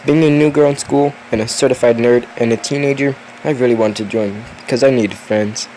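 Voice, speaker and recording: A tired young man reads a spooky story aloud in a middle-pitched voice. He breaks off for chatty asides and the odd curse. A faint hum sits behind him. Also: steady tone, brisk, darkish tone, poor audio. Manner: tired and yawning, chatty asides, swearing now and then. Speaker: story reader.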